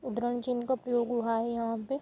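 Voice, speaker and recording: A woman's voice: a little high, little pitch movement, fairly quick, husky, muffled recording. A woman teaching a grammar lesson, explaining step by step and stopping to correct herself.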